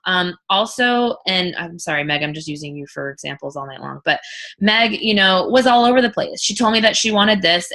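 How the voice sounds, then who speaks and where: A woman's voice: fairly low pitch, pushed and bright. A woman leading an informal coaching talk as a team leader, blunt and emphatic, repeating her points and swearing freely.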